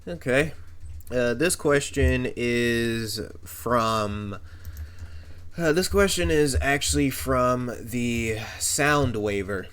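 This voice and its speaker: A young man in his twenties hosts a casual podcast interview. He reads out listener questions in a relaxed, halting way, with a mid-pitched voice. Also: clean tone. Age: 20s. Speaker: podcast host.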